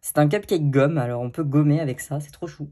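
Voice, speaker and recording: A woman with a somewhat low, husky voice reads tarot cards for her viewers. She talks in a loose, chatty way, full of fillers and little self-corrections. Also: brisk, warm tone. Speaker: tarot reader. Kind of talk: casual card-reading video.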